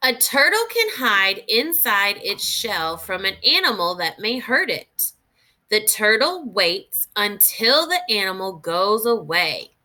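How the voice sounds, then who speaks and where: This woman's voice is fairly high as she reads aloud in a lively, teaching style meant for small children, breaking off to think questions through.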